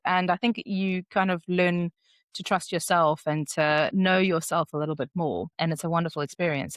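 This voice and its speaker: A woman's voice: lowish voice, clear, resonant tone, no echo, clean studio sound. A woman hosting a solo podcast, talking in a candid, reflective, conversational way. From South Africa. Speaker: podcast host.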